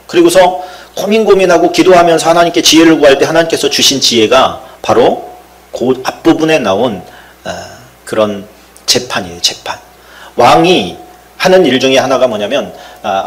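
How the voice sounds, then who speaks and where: In a church sanctuary, a male pastor with a mid-range voice delivers a sermon, telling a story and acting out its dialogue. He rises to loud outbursts and drops to near whispers.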